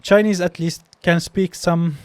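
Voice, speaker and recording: A young man with a high-pitched voice speaks in a steady tone at a measured pace, recorded dry. He is a doctor whose first language is Arabic, with a Palestinian accent, telling stories as a podcast guest in a casual interview. He sounds hesitant and often restarts his sentences.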